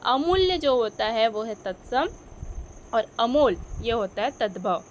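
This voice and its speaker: High-voiced woman teaching slowly. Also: lively intonation, highs cut off, a little hiss or hum. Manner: explains with questions she answers herself, self-corrects. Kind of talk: Hindi grammar lesson.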